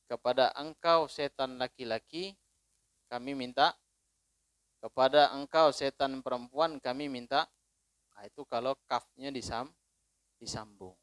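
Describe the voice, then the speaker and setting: A man teaching a religious lesson in casual speech, reciting Arabic slowly and louder and letting phrase ends fall soft. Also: medium pitch, dry recording. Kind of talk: sermon.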